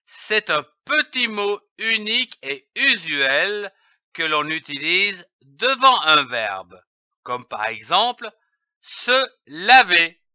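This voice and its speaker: Slow, bright-voiced man spelling out syllables. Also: high voice, very animated, smooth, no room sound, highs cut off. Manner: spells each syllable letter by letter, then says it. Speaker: reading teacher. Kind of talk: slow, spelled-out reading lesson for young children.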